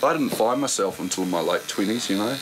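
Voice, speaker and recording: A man's voice: on the low side, animated, brisk, background noise. A man with a broad New Zealand accent, chatting casually in slangy, blokey Kiwi speech. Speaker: reality documentary participant. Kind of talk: casual chat. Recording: music playing behind the voice.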